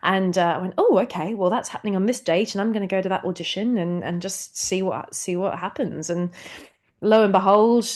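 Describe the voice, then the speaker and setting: A woman talks as a guest on a podcast, at a middling pitch. She is bubbly and expressive and laughs easily as she tells her story. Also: a little fast. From New Zealand. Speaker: actress and singer, guest. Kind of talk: casual interview chat.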